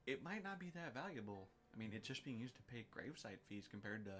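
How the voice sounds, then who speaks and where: A man's voice: mid-range voice, big pitch swings, fast, fairly bright tone, a little hiss or hum. A man casually bantering and reading out dialogue choices as he co-hosts a game stream, in a sardonic, crude manner. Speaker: video game streamer, co-host.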